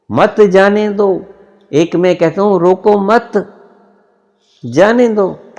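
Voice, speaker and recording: A middle-aged man giving a spiritual discourse, deliberate and emphatic, his voice rising and dropping sharply to make a point. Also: medium pitch. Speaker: spiritual teacher.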